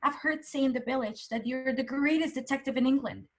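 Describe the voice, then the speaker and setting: A woman's voice: sits high, a little fast, close to an everyday voice. A woman playing a humble, anxious village seamstress, deferential and pleading, in a radio play. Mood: worried. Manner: pleading, plain-spoken, deferential.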